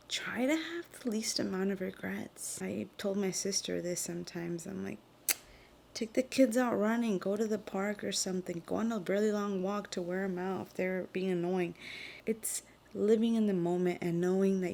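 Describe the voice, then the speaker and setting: A young woman and mother sharing earnest, heartfelt thoughts in a casual vlog, often dropping into a soft whisper. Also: medium pitch, vocal fry. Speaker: vlogger and mother. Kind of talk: reflective casual vlog talk.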